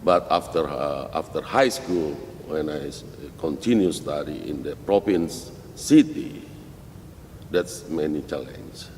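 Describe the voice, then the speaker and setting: Deep slow indonesian pastor guy, halting english, lots of restarts, echoey hall, bit of rumble. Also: lively intonation, darkish tone. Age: middle-aged. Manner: halting non-native English with many restarts. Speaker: missionary pastor, guest. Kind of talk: interview answers. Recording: roomy hall with faint rumble.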